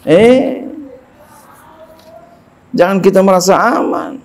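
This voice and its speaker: A man's voice: mid-range voice, normal speed, darkish tone. A middle-aged man giving a casual religious lecture, speaking colloquially, repeating phrases and chuckling through his stories. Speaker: Islamic preacher teaching a classical book.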